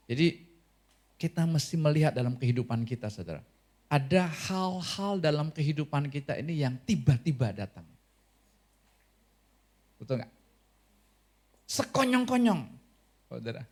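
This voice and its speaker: High-voiced man preaching animatedly. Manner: animated, conversational preaching with questions to the congregation. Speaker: pastor. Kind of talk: sermon. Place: church hall.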